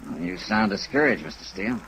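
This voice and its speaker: An actor playing a wry, hard-boiled American insurance investigator, clipped and laconic, in 1950s radio detective style. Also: male voice, lowish voice, animated, fairly quick, a bit bright. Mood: probing, low-key. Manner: clipped, laconic, matter-of-fact. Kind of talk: 1950s radio detective acting, first-person narration. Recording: noisy vintage 1950s radio recording.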